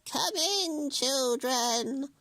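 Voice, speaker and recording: A man reading a storybook aloud and voicing a wicked old witch who draws out her words in a shrill screech. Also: lively intonation, pushed and bright, no echo, full character voice. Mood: coaxing. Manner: screeching, drawn-out and slow.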